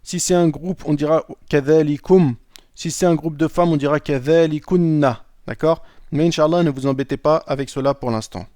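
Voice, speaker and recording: Male teacher, slightly high voice, dry close mic, patient lesson delivery. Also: normal speed, warm tone, dry recording. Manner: checks in with "d'accord?" often. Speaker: Arabic teacher. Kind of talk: explaining a lesson.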